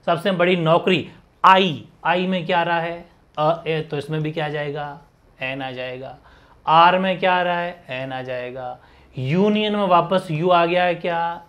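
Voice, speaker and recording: A man's voice: on the high side, a bit bright. A man teaching an exam-prep grammar lesson, who keeps asking rhetorical questions and repeating letter sounds aloud.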